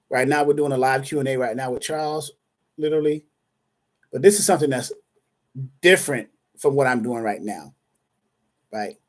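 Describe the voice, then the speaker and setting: A man of medium pitch hosts a live online Q&A as a dispatcher trainer. He talks in a loose, chatty way, speaking to viewers by name and often restarting his sentences as he thinks aloud. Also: a little mellow.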